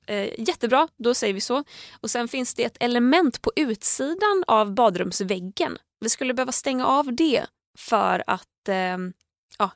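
A woman telling an indignant story in casual chat, animated and swearing as she retells it. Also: on the high side, vocal fry, no room sound, studio quality.

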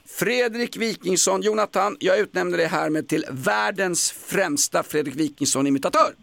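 A man's voice: high-pitched, vocal fry, a bit bright, a little hiss or hum. A male morning radio host with upbeat, jokey banter on a studio microphone.

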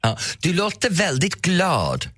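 A man's voice: sits high, huge pitch swings, a bit bright, slightly rough, dry recording, studio quality. A man hosting a casual radio show, teasing and boasting playfully as he competes in a quiz. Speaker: radio host. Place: radio studio. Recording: radio broadcast with music underneath.

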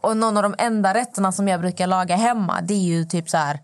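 Chatty self-mocking woman. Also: mid-range voice. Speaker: guest. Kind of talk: casual podcast chat.

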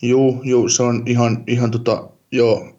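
A man's voice: medium pitch, flat delivery, mellow. A man co-hosting a casual podcast chat, rambling and thinking aloud with lots of fillers. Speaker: podcast co-host. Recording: dull lo-fi sound.

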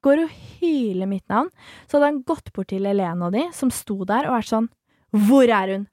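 A young adult woman telling a story in a casual podcast chat, animated and swearing as she acts out the people in it. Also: fairly high pitch, no echo, studio quality.

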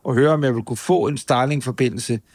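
A man's voice: mid-range voice, a little mellow, no room sound, clean studio sound. A man with a Danish accent co-hosting a podcast, chatty and joking, rambling with restarts. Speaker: podcast co-host. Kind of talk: casual chat.

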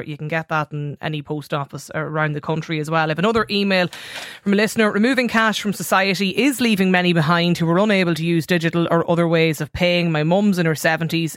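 A woman's voice: sits low, no echo, clean studio sound. A woman with an Irish accent hosting a live radio phone-in in a conversational way. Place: radio studio.

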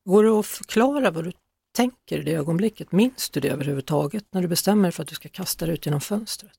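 A woman radio host presents and questions her guests in a measured, gently probing way. Her voice is gravelly and husky. It is recorded dry and close. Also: on the low side, animated, no echo.

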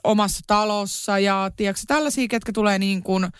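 Young woman podcast cohost, giggly and playful, smooth clear voice, dry mic. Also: mid-range voice, no room sound. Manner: giggly, playful, mimics greetings. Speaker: podcast co-host. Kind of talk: casual chat.

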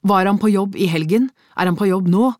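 A reader doing a commanding male police chief who snaps out orders fast and loud. The voice sits close to the mic in a dry, dead room, pushing each instruction with urgency. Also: mid-range voice, no echo, voice pushed up, close to an everyday voice. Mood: urgent. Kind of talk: audiobook character voice.

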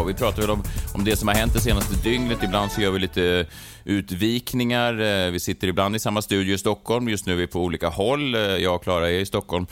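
A man hosting a casual podcast, joking, laughing often and mocking himself. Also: lowish voice. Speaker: podcast host. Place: studio in Stockholm.

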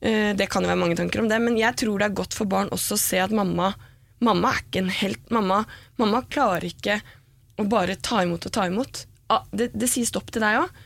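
A woman's voice: medium pitch, gravelly, dry recording. A woman in casual chat, supportive and reflective, thinking aloud as she responds.

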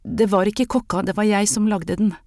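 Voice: medium pitch, fairly even intonation, a little mellow, no room sound, studio quality, pitched above the performer's own voice, lightly acted. A narrator voicing Anne, an anxious young maid with a secret healing gift, speaking earnestly and hesitantly in an audiobook. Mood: pleading. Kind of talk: audiobook character reading.

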